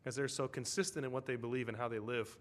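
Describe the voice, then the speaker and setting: A man's voice: mid-range voice, steady tone, quick pace. A man preaching a conversational sermon, telling a story and asking his congregation tag questions.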